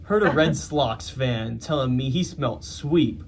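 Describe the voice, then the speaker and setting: A man's voice: mid-range voice, takes it slowly, vocal fry, slight background noise. A man voicing a boastful old-time baseball star with a put-on New York accent. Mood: mocking.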